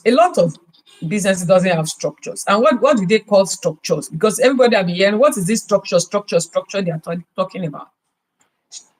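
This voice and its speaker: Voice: mid-range voice, darkish tone, low-quality recording. A podcast host with a Nigerian accent giving business advice, emphatic and full of rhetorical questions. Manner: emphatic, repeats key words.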